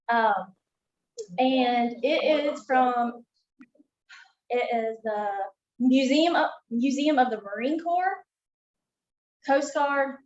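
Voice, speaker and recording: A woman's voice: a little high, echoey room, lo-fi sound. A woman hosting a museum talk, chatty and casual, with frequent ums. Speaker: museum event host. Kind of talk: friendly welcome and introduction. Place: museum room.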